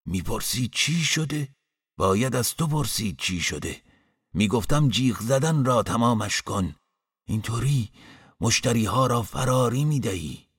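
A man voicing a loud, bullying, heavyset male innkeeper who scolds in a raised voice. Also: low-pitched, steady tone, vocal fry, breathy edge, big-room sound, heavily acted. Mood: scolding.

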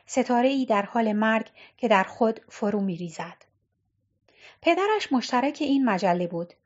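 A woman reading a novel aloud as the narrator, in a measured, even storytelling manner. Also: medium pitch. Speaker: audiobook narrator. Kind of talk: scripted narration. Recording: dull lo-fi recording.

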